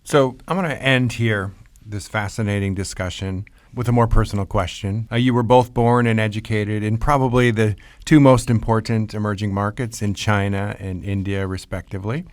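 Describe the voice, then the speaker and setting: A man hosting a podcast interview in the smooth, friendly manner of a moderator. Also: lowish voice, fairly even intonation, moderate pace, dry recording, studio quality. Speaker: podcast host.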